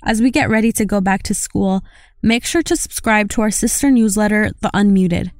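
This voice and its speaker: A woman hosting a podcast, reading a scripted outro in a clear, measured way. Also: mid-range voice, a little mellow, dry recording, clean studio sound. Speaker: podcast host. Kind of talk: scripted narration.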